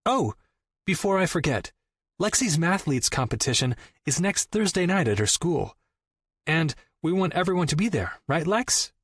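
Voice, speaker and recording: A sharp-tongued grown sister, as a male narrator puts her on, blunt and mocking. The voice sits noticeably higher than his normal reading. Read dry and close in an audiobook. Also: big pitch swings, normal speed, breathy edge, dry recording, full character voice. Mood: brisk. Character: teasing blunt adult sister, woman.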